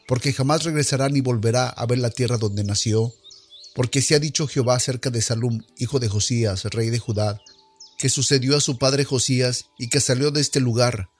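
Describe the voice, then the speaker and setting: A man reading scripture aloud in a solemn, measured, declamatory way. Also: medium pitch. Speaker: scripture reader.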